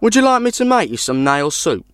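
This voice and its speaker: A woman's voice: on the low side, sing-song, brisk, dry recording, clean studio sound, pitched above the performer's own voice. A woman voicing a hungry, crafty travelling man who coaxes slyly. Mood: coaxing. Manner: coaxing, sly.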